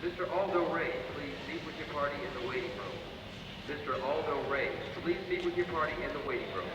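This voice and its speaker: A man making a formal paging announcement over a public-address loudspeaker, repeating the call in a measured way. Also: fairly high pitch. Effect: public-address loudspeaker page. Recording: echoey loudspeaker in a hall from far off, noisy, dull.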